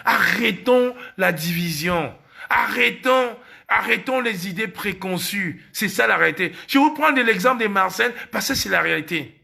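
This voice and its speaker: A Cameroonian man with a Cameroonian French accent speaks in a high, sharp and gravelly voice. He hosts a casual live stream and drives each point home by repeating it. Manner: emphatic, repeats key phrases.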